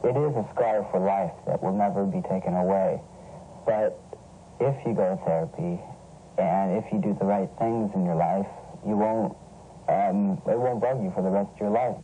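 Disguised, electronically deepened young male voice. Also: warm tone, slight background noise, low-quality recording. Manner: halting, hesitant, with restarts. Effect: voice electronically lowered to hide identity. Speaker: interviewee. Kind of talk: news interview.

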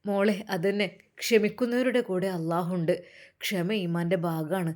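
A woman with a Malappuram Malayalam accent voicing a warm, devout older mother who speaks in a soft, prayerful way and gently blesses her daughter. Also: lowish voice, steady tone, moderate pace, natural voice. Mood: soothing.

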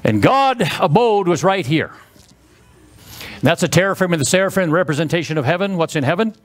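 High-voiced fervent male preacher. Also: lively intonation, brisk. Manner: fervent, repetitive, leads call-and-response. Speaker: pastor. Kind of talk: sermon.

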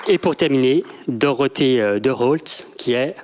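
A man's voice: medium pitch, lively intonation, unhurried, crowd noise, noisy background. A middle-aged man hosting a live panel informally into a handheld microphone, with hesitant phrasing and frequent tag questions. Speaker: panel moderator. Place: large theatre stage.

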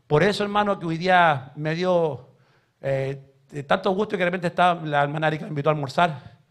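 A man preaching a sermon in a church, telling stories with emotion and swinging from soft to loud. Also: fairly high pitch, brisk. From Chile.

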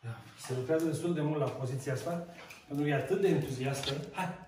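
A man who trains dogs, giving short repeated commands and lively praise at a training school. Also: fairly high pitch. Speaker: dog trainer. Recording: roomy, distant mic, loud noise.

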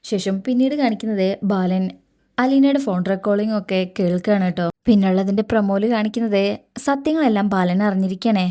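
A woman retelling a television serial episode as a narrator, steady and matter-of-fact. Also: mid-range voice, a little fast. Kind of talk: storytelling episode recap.

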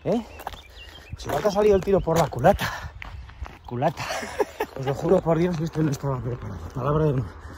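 Climbing a steep outdoor path, a vlogger with a Peninsular Spanish accent rants sarcastically to the camera, breathless, rambling and crude. His slightly high voice is expressive and fairly quick, broken by frequent pauses, with background noise around him.

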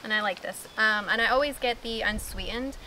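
Young woman, vlog co-host, quick and chatty, slightly high, outdoor camera mic. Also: bright, forceful tone, a little hiss or hum, low-quality recording. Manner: chatty, explains prices and recipes. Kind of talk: casual grocery haul chat. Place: outdoors in a sunny backyard.

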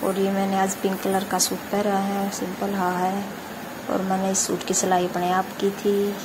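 A woman, calmly narrating her village chores in a homely running commentary for her vlog. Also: medium pitch, normal speed, background noise. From India. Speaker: village life vlogger. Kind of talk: casual voice-over narration of daily chores.

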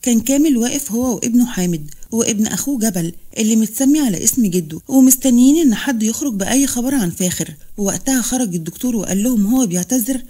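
A woman narrating a romance story briskly as channel host. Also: on the high side, lively intonation, mellow.

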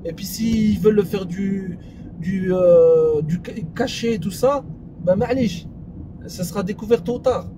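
A man with a high-pitched voice chats casually. He speaks French suburban street slang sprinkled with Arabic religious interjections. The recording is clearly noisy, with vehicle sound behind him. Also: measured pace. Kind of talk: casual chat.

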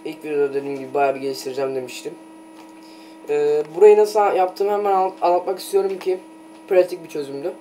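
A man's voice: fairly high pitch, steady tone, quick pace, mellow, a little hiss or hum. A young man casually commenting on his game as he plays, talking to himself with many fillers and trying to sneeze. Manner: chatty, talks to himself while playing, many "ee" fillers. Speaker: gameplay commentator. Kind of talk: casual let's play commentary.

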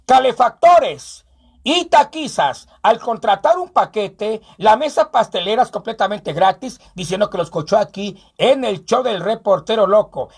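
Playing a clown on a comedic local show in radio style, this Mexican Spanish-accented man cracks jokes and reads ads, news, and phone numbers. His voice sits high and sounds husky.

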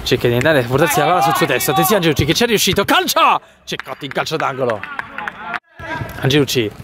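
A man giving excited play-by-play football commentary in the manner of goal commentary. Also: a little high. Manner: animated, bursting into drawn-out shouts at goals and shots. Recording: crowd and outdoor noise behind.

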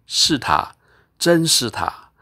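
Man putting on a shaken, stammering father, hushed and strained, lively pitch, storybook. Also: takes it slowly, exaggerated voice. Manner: stammering, hoarse under strain. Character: nervous, frightened middle-aged father.

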